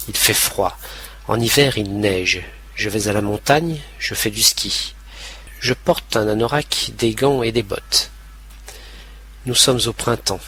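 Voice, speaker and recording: Man reading a slow, clear lesson. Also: lowish voice, bright, forceful tone, a little hiss or hum. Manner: slow, clear, carefully pronounced. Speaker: lesson narrator. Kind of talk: scripted language-lesson reading.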